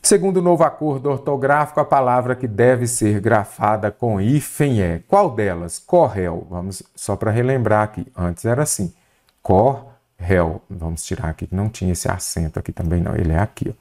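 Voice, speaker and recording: A man with a Brazilian accent teaching a Portuguese spelling lesson for exam prep, lively and full of rhetorical questions he answers himself. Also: lowish voice, brisk, few pauses. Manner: addresses the student directly.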